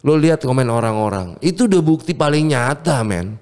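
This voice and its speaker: Speaking briskly in a smooth, mid-range voice, a man who produces music recounts a personal faith experience during a casual chat. He comes across as fervent and animated, mixing English terms into his slangy speech.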